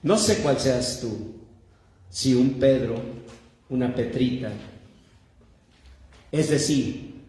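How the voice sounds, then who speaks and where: A man with a Mexican accent preaching a sermon, telling a story slowly with acted-out dialogue. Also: mid-range voice, a little mellow. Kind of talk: sermon with humorous anecdote. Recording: long echoing hall reverb.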